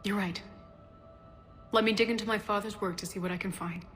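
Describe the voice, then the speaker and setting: A woman's voice: medium pitch, fairly even intonation, fairly bright tone, faint music behind, close to an everyday voice. A woman voicing a grieving young scientist. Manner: hesitant, halting, emotional. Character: grieving young female scientist, daughter of a lost researcher. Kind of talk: video game dialogue.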